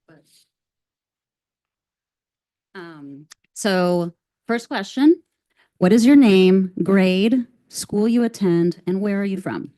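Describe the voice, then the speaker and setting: A woman giving a measured, earnest formal presentation at a school board meeting, with an occasional "um", speaking into a microphone. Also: mid-range voice, dark tone. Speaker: district staff presenter.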